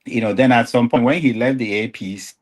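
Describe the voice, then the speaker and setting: A man's voice: medium pitch, brisk. A man speaking as a remote guest on an internet call that keeps cutting out, so his words come through choppy and clipped, with loose "you know" fillers. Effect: choppy internet call audio with words cutting out. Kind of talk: casual political commentary. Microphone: video call.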